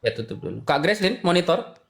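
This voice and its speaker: A man with an Indonesian accent, a panelist on a debate call, speaking in a calm, measured way. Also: on the high side, vocal fry, noisy background. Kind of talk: casual debate talk on a call.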